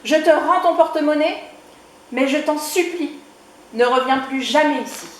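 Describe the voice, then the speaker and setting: A woman voicing a greedy, bullying grown man who steals, in a children's storybook reading, with a loud taunting voice. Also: high-pitched, normal speed, pitched above the performer's own voice, close to an everyday voice. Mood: pleading. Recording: echoey room.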